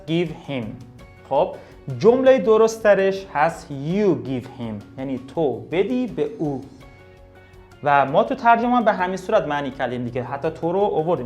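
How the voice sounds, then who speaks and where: A man's voice: on the high side, a little mellow. A man teaching English vocabulary and grammar, explaining emphatically and talking directly to his students. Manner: drills words, slows down to read sentences.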